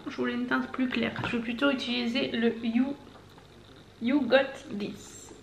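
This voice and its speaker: A woman's voice: fairly high pitch, flat delivery, unhurried, vocal fry, background noise. Chatty young woman, echoey room. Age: 20s. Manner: chatty, explains each step as she goes. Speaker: makeup vlogger. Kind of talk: casual makeup tutorial. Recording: echoey room, faint background music.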